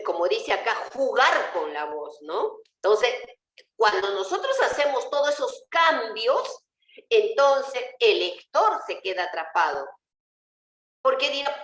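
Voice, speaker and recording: A woman teacher giving an online class. She talks patiently and often puts rhetorical questions to her students. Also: mid-range voice. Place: home, on a video call. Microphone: computer mic on a video call. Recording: roomy video call audio.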